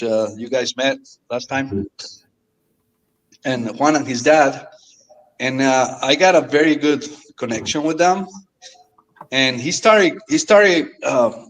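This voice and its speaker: Earnest man, halting speech. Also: mid-range voice, fairly bright tone, rough recording. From Mexico. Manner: halting, earnest, repeats words often. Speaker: guest. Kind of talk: casual storytelling.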